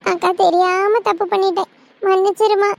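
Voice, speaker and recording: A woman voicing a loud, quarrelsome village wife in a cartoon. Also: flat delivery, normal speed, gravelly, no echo, studio quality. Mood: apologetic. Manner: scolding, shrill.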